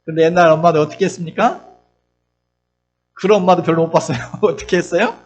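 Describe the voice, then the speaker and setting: A middle-aged man preaching an earnest sermon as pastor, swinging between loud urgent lines and soft low asides. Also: quick pace, a little hiss or hum, poor audio. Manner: acts out tender and scolding voices when quoting.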